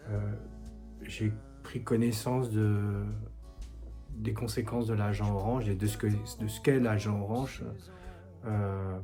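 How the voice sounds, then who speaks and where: A man in his forties from France speaks gently and haltingly, pausing often as he records a support message. His voice sits low and mellow. Faint guitar plays underneath. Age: 40s. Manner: soft-spoken, hesitant, many pauses. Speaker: songwriter giving a support message. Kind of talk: recorded video testimony.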